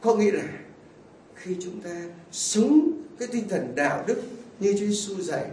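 A man's voice: high voice, very animated, moderate pace, mellow, a little hiss or hum. A man preaching a homily as a priest, telling stories in a folksy way and asking his listeners rhetorical questions. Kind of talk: sermon. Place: church. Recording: echoey church from far off.

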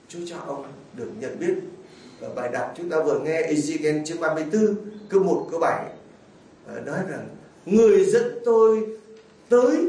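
A man's voice: high-pitched, darkish tone, slight background noise. A man preaching a homily as a priest, telling stories in a folksy way and asking his listeners rhetorical questions. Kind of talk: sermon. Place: church. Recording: echoey church from far off.

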